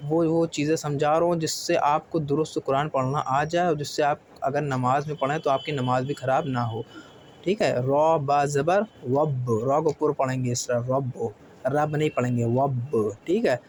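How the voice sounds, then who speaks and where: Patient, slightly high-voiced male Quran teacher. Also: fairly even intonation, slight background noise. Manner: patient, often asks "theek hai?", spells letters slowly. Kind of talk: slow step-by-step recitation lesson.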